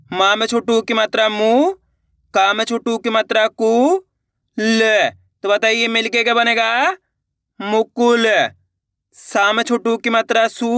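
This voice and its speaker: A man's voice: sits high, pushed and bright, smooth, no room sound, clean studio sound. A man teaching reading, patiently sounding out words letter by letter in an online lesson. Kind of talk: slow spelled-out teaching.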